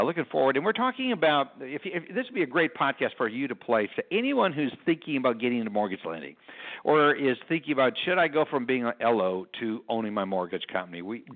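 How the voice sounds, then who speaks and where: Guy hosting a business podcast, echoey room, thin phone sound, gravelly creak, kinda rambly. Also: medium pitch, narrow, tinny audio. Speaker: podcast host. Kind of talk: casual business podcast monologue. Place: rented airport conference room. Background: room echo.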